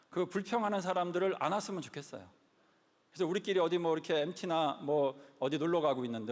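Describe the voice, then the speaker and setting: A man giving a lively sermon-style talk, telling stories and repeating key lines for emphasis. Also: high voice. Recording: long hall reverb.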